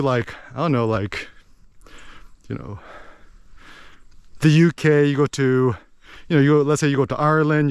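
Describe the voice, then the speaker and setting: A man's voice: medium pitch, clean tone, no echo. Resonant chatty man in a dry room. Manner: rambling, full of "like" and "you know"; animated, slips into impressions of accents. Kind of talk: casual explanatory chat.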